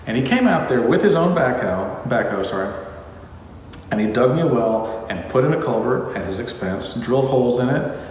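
A home builder vlogger with an expressive, slightly mellow mid-range voice speaks at a normal pace from a bare house under construction. He rambles and jokes casually about house building and flooring, with the mic far off in an echoey empty room and a little hiss or hum.

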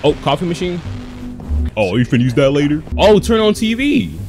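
A man's voice: a little high, big pitch swings, moderate pace, a little mellow. A young man giving casual, slangy commentary as a scared horror game streamer, jumpy and exclamatory. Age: young adult. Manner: slangy, says "bro" constantly. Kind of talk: casual reactive gameplay commentary. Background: game music and sound.

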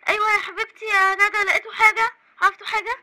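A woman's voice: extremely high pitch, level tone, pushed and bright, voice pushed up, exaggerated voice. A woman with an Egyptian accent voicing a worried auntie calling about news, in a storybook role-play. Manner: anxious, rushed questions.

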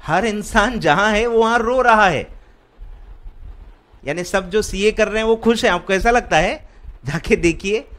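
High-voiced scolding mentor. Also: male voice, measured pace, long pauses, a bit bright. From Maharashtra, India. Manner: scolding, rhetorical, keeps asking if you follow. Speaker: CS exam mentor. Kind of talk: motivational lecture to students.

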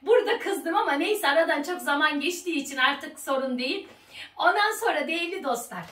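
A high-voiced woman chatting and retelling a story while she cooks, lively and bossy with her husband. The room rings, and she is some distance from the mic. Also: fairly quick, reverberant. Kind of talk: casual storytelling chat. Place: home kitchen while cooking.

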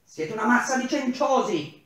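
A man voicing an irate, stern male construction engineer who shouts indignantly. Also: on the high side, takes it slowly. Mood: furious. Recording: very echoey room.

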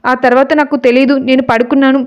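A frightened young girl pleading, voiced by a woman storyteller. The voice is high in a storybook telling. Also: little pitch movement, fairly quick, clean tone, dull audio, natural voice. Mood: tearful.

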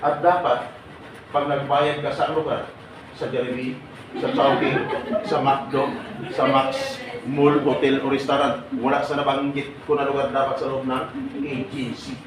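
A man giving a lively seminar talk to a crowd of overseas workers, teasing them, asking them questions and acting out their replies. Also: medium pitch, measured pace, distant mic. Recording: echoey room, voice from afar, noisy.

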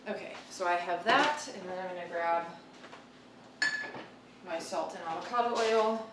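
A cooking show host in her thirties speaks at a moderate pace with a fairly low pitch, casually demonstrating a dish in her home kitchen and thinking out loud. Background noise is present; the mic is distant and the room sounds roomy, full of chopping, clicks and pan clatter.

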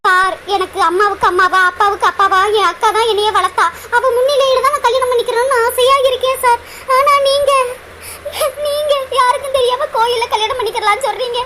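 A voice actor doing a shrill timid young woman. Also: steady tone, fairly quick, pushed and bright, a little hiss or hum. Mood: tearful pleading. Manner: pleading, repeatedly says sir. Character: timid young woman in love, anxious and tearful. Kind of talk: cartoon voice acting.

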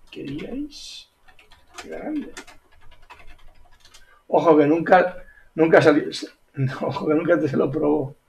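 Gravelly man gushing over gameplay. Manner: excitable, repeats exclamations, squeals high when amazed. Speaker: gaming YouTuber. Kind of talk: casual gameplay commentary.

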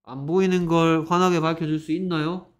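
Male Korean English tutor, somewhat high voice, drilling exam sentences and checking in with the class often. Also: flat delivery, clean tone. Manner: repeats checking questions, reads English slowly then explains. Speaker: English teacher. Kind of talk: exam-prep English lecture.

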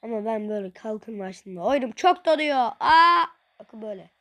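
High, lively young woman gaming. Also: normal speed. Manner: playful, excitable, talks to viewers. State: slightly ill, voice a little changed. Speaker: gaming video creator. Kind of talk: casual gameplay commentary.

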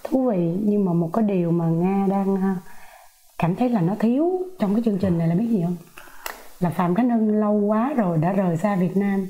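A woman's voice: medium pitch, brisk, slight background noise. Woman hosting, muffled sound. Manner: steady backchannel agreement, leading questions. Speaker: host. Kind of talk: interview conversation.

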